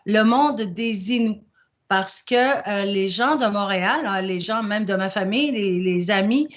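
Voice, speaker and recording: A woman's voice: mid-range voice, highs cut off. A woman from Quebec with a Québécois accent, a guest artist introducing herself in a live online talk, speaking with many hesitations. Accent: Québécois French. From Quebec, Canada. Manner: slow, halting, many hesitations.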